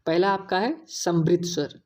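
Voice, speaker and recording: A woman's voice: lowish voice, normal speed, darkish tone. A woman teaching an exam-prep lesson, explaining patiently, repeating key points and addressing viewers as friends.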